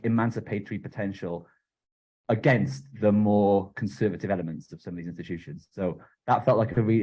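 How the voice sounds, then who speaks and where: A man's voice: fairly low pitch, warm tone. A man giving a thoughtful comment from the floor of a conference room, searching for words as he goes. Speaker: audience member at a panel. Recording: muffled, far from the mic.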